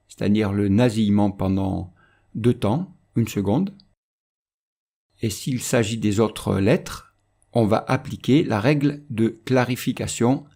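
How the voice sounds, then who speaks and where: A man explains recitation rules in a calm, measured teaching voice-over. His voice sits fairly low and sounds mellow and warm. He speaks unhurriedly, laying out each point slowly. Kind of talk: instructional voice-over lesson.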